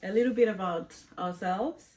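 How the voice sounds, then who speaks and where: A woman's voice: medium pitch, normal speed, noisy background. A woman from Zambia chatting casually and playfully to camera, laughing often. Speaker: co-host of a family channel.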